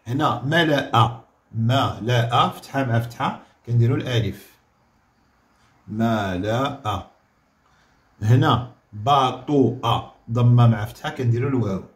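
A man with a Moroccan Arabic accent explains a grammar lesson like a teacher at the board, checking with the class and drawing out each word slowly so it can be written down. His voice sits at an ordinary middle pitch, and the recording carries a clear room echo. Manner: explains with questions, repeats words slowly for dictation. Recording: echoey room.

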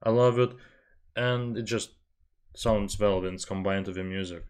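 A young man, native in Lithuanian, hosts a reaction channel and chats about music on a headset from his small bedroom, with a desk mic and webcam framing. His fairly low, clean voice keeps a fairly even intonation at a moderate pace, and he's talkative, self-deprecating, and quick to laugh.

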